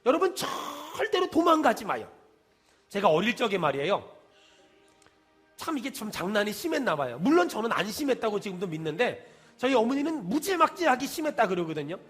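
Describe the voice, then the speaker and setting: A man's voice: high-pitched, big pitch swings, a little fast, a bit bright, husky, soft background music. A middle-aged male pastor preaching in a church, repeating refrains with fervor and mixing in folksy stories addressed straight to the congregation. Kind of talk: sermon. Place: church sanctuary.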